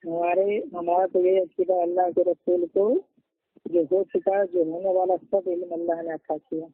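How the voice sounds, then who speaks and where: Defensive high-voiced Indian man, phone audio. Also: little pitch movement, normal speed, no echo. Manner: defensive, interrupting, retorting. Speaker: caller in a debate. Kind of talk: heated phone argument. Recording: tinny dry phone line.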